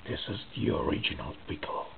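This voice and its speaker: A man speaking through a face mask as he shows off a costume mask. He talks in a halting, often whispery way. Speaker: vlogger showing a costume mask. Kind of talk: casual show-and-tell. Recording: tinny phone-like sound with faint noise.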